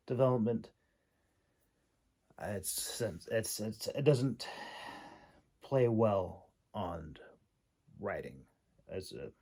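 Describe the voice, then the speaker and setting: A man whose voice is on the low side and darkish, an audiobook narrator and manuscript critic, gives an informal, unscripted critique. He speaks haltingly and hesitantly, pausing a lot and repeating words.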